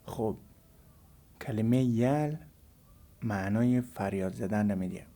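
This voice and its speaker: Persian-accented man teaching, dark low voice. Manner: repeats English phrases slowly, then translates. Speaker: English teacher. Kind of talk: language lesson.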